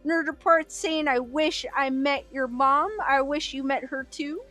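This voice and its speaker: A woman whose early childhood language was Korean hosts a livestream, chatting casually and laughing often as she reads viewer comments aloud. Her voice is high and fairly bright, with fairly even intonation and a measured pace, and faint music plays behind her.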